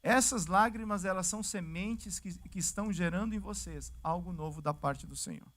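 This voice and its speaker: This is a male preacher with a Brazilian Portuguese accent and a high-placed voice, speaking at a moderate pace during a church service. He preaches in a lively, conversational style and performs the biblical scenes.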